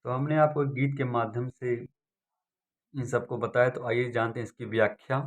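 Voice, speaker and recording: A man's voice: medium pitch, level tone, moderate pace. A man teaching an exam-prep lesson, repeating points and asking and answering his own questions. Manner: repetitive, drilling, asks and answers own questions.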